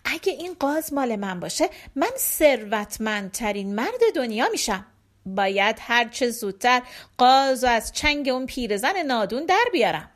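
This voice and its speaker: A woman's voice: on the high side, lively intonation, lightly acted. Woman putting on a greedy villainous landlord. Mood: scheming. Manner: harsh, demanding.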